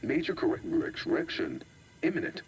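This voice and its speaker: A man's voice: on the high side, huge pitch swings, normal speed, gravelly, a little hiss or hum, heavily acted, poor audio. An actor voicing a failing male machine that recites slogans while its voice glitches and stutters over syllables. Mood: glitching. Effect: glitching, stuttering voice that skips and repeats syllables.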